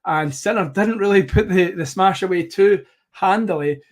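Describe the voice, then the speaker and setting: A man hosts a live tennis watchalong, calling the play by play in a rambling, self-correcting style. His voice is high and slightly hoarse, and he speaks at a moderate pace.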